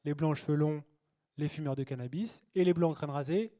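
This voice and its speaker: A young man doing stand-up in a small cabaret, his voice sitting a little high for a man. He talks in a cheeky, loose, chatty way, full of fillers and asides to the crowd. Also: moderate pace, warm tone. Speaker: stand-up comedian. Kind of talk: stand-up routine. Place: small cabaret stage with a live audience.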